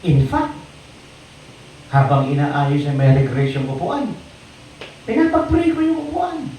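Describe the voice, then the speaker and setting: A preacher giving a sermon in a church, calling out to the congregation for amens and swinging between loud bursts and quiet lines. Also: lively intonation, a little slow, slight background noise. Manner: call-and-response, asking the congregation for amens; swings from loud exclamations to low quiet phrases. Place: church hall. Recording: very echoey hall, voice from far off.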